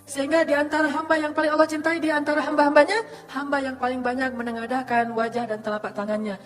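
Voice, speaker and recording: A woman speaks quickly in a high voice, retelling a sermon with lively storytelling. Faint background music plays beneath her talk. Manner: lively storytelling with acted quotes. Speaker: religious speaker.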